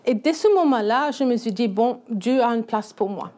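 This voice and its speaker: A woman's voice: on the high side, animated, moderate pace, a little mellow. A woman, a church women's ministry leader, telling her story in a church interview, in French with a non-native accent, hesitating as she searches for words. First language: Icelandic.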